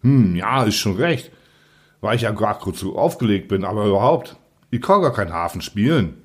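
A man voicing a grumbling Bavarian postal clerk, blunt and cross, with a husky voice. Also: fairly low pitch, expressive, moderate pace. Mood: grumpy. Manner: blunt, grumbling dialect speech.

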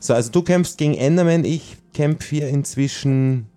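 A middle-aged man chatting casually while playing a video game with his child, easily excited and often searching for words. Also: on the high side, moderate pace. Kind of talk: casual gaming chat.

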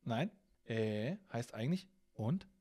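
A man's voice: mid-range voice, expressive, slow pace, mellow. A man co-hosting a casual podcast chat, playfully teaching his friend words in a teasing way. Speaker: podcast co-host.

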